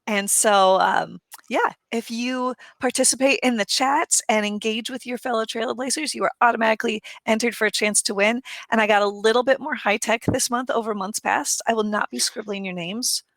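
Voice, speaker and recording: Upbeat woman co-host, slightly high. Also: moderate pace, few pauses, a bit bright, dry recording. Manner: upbeat, laughing between remarks. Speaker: user group co-host. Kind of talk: casual meetup hosting. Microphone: home microphone on a video call.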